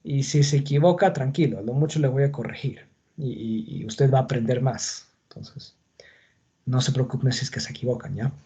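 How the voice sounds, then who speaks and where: In a warm, medium-pitched voice at a moderate pace, a male teacher leads an online lesson on punctuation in Spanish. He is patient in his explanations and keeps checking in with the class.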